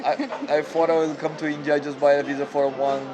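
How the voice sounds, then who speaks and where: Man, fairly high voice, from Brazil, rambling casual interview talk, noisy outdoor recording. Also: flat delivery, quick pace. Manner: chatty, loose phrasing with many restarts and "you know". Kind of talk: casual conversation.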